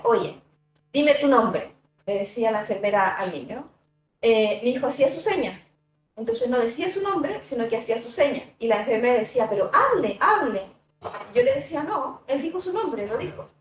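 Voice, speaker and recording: A fairly high-pitched woman gives a university lecture, speaking in a thoughtful, conversational way full of little fillers and tag questions. She sits back from the microphone, and her voice rings around an echoey classroom. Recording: echoey room, voice from a distance.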